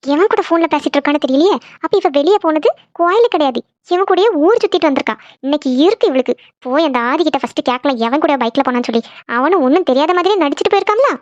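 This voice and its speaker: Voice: sits high, animated, fast talker, no echo, dull audio, pitched below the performer's own voice. A voice actor playing a suspicious mother in a cartoon, grumbling to herself. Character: suspicious scolding middle-aged mother. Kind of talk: cartoon voice acting.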